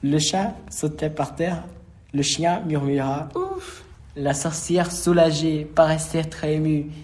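Slow, expressive male storyteller. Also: a little high. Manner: slow, expressive read-aloud. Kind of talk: rhymed storybook reading.

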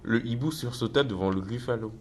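A man narrating a children's storybook in a steady, measured way. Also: mid-range voice. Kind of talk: storybook reading aloud.

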